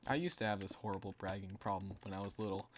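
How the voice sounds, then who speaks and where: A male streamer with a lowish voice rambles loosely while playing, chatting with viewers and breaking into laughter now and then. There is faint noise behind him, with soft keyboard typing. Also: fast. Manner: rambling, chatty, laughs often and reads out chat. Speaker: livestreamer. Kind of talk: casual gaming stream chat.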